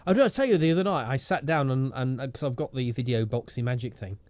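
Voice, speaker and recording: A man's voice: medium pitch, quick pace, a little mellow, no room sound. A man co-hosting a podcast, trading silly jokes and breaking into funny voices. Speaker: podcast co-host. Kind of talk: casual comic banter.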